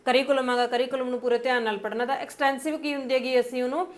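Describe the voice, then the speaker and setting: A young woman with a Punjabi accent gives an exam-prep lecture. Her voice sits a little high. She explains patiently, pads her points with fillers and slows down over the English terms. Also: fairly even intonation. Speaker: teacher.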